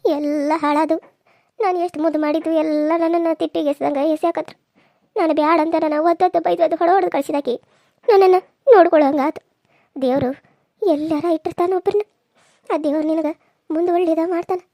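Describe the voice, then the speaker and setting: A woman's voice: very high voice, fairly even intonation, fairly quick, pauses often, dark tone, no echo, studio quality. A woman voicing a frail old village grandmother in a cartoon serial, with a lamenting, reproachful way of talking. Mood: grateful.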